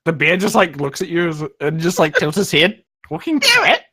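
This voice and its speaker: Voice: mid-range voice, very animated, normal speed, pushed and bright, husky. A game master narrating a tabletop game over an online voice call, loose and laughing, full of fillers.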